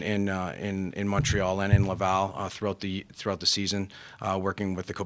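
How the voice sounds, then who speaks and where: A man with an Acadian accent answers press questions in a low, fairly even voice. The tone is bright and forward, and he feels his way through answers with pauses and repeats. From Canadian Maritimes. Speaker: hockey player development coach.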